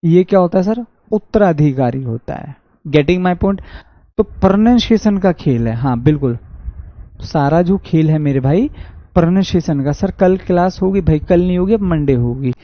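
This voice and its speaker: A man with a Haryanvi accent teaching an online exam-prep English class, reading sentences slowly and answering his own questions. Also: a little high, animated, dry recording. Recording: dull dry lo-fi audio.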